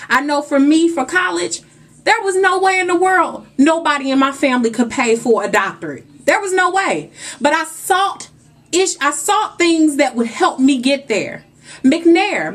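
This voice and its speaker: A young adult woman vlogging a motivational talk to her viewers, emphatic and preachy, calling them "y'all" and "guys". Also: high voice.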